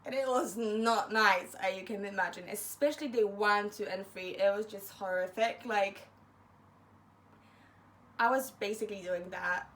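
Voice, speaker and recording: A woman's voice: mid-range voice, normal speed, a bit bright. Chatty young woman telling a story. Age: young adult. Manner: chatty, self-mocking, acts out quotes. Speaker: university student vlogger. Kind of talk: casual storytime vlog.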